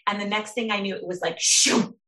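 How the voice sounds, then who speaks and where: Woman guest, earnest storyteller, halting delivery, bright tone, roomy echo. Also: mid-range voice, steady tone. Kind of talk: personal storytelling in an interview.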